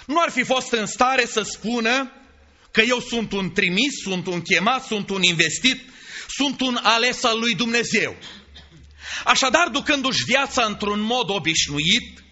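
Male preacher, high sharp tone, theatrical sermon, dull lo-fi recording. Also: animated. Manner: dramatic, acts out dialogue with shifting voices. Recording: dull lo-fi sound.

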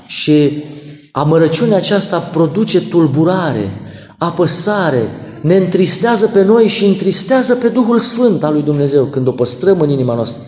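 Middle-aged male preacher, earnest and pleading, high voice, echoey church recording. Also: lively intonation. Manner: earnest pleading, swinging from loud cries to soft murmurs. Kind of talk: sermon.

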